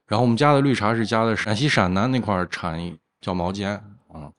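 Male craft brewer as interview guest, low pitch, agreeable, explains in casual conversation. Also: fast, fairly bright tone.

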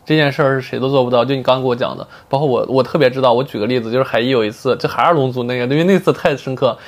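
A man's voice: mid-range voice, racing. A man hosting a podcast, chatting with his guest and agreeing often. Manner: eager back-channel agreement. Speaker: podcast host. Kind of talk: podcast conversation.

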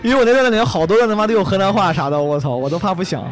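A man's voice: sits high, animated, rapid-fire. A man hosting a casual podcast chat, talking in a blunt, slangy way like a stand-up comedian off stage.

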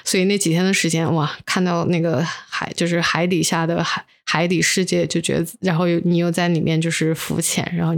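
A woman's voice: lowish voice, level tone, a little fast, vocal fry, hardly any pauses. A woman co-hosting a podcast while under the weather, telling personal stories casually and mixing English words into her Mandarin. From inland China. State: unwell, recording while sick. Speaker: podcast co-host. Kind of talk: casual chat, personal storytelling.

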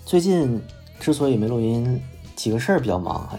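A man's voice: mid-range voice, very animated, fairly quick, creaky, mellow, soft background music. A man hosting a casual podcast chat in a wry, self-mocking way. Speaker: podcast host.

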